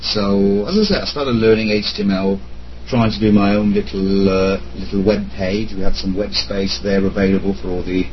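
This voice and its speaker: A man's voice: on the low side, fairly even intonation, normal speed. A man in his thirties, from Germany and raised in Italy, answering interview questions from his room at home in a rambling way, with many fillers and restarts. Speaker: podcast guest, web accessibility expert. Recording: slightly dull lo-fi audio with faint hum.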